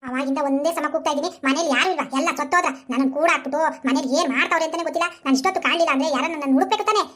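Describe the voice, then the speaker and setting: A sharp-tongued, bossy old mother-in-law from an animated comedy, played by a woman. She scolds in a high, piercing voice and rattles her curses off at a frantic pace. She always sounds in charge. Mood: scolding. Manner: shrill rapid cursing.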